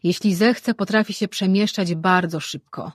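A woman's voice: mid-range voice, normal speed, dry recording, studio quality, close to an everyday voice. Woman voicing an anxious male sorcerer. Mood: urgent. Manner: urgent, questioning.

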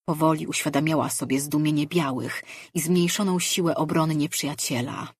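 A woman narrating a fantasy audiobook in a measured, even storytelling manner. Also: low voice, breathy edge, no echo, studio quality.

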